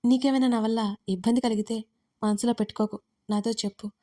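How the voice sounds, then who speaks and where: A woman's voice: fairly high pitch, fairly even intonation, a little fast, dark tone, close to an everyday voice. A woman narrator voicing a brooding young man in a storybook, speaking in short, withdrawn lines.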